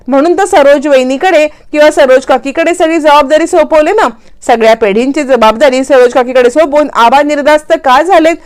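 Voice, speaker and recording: A woman's voice: high voice, close to an everyday voice. A woman voicing a scheming young husband, coaxing and smug as he misleads his wife.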